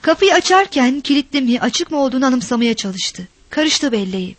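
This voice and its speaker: A woman reading a novel aloud as narrator, in a steady storytelling manner. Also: sits high, fairly quick, no echo.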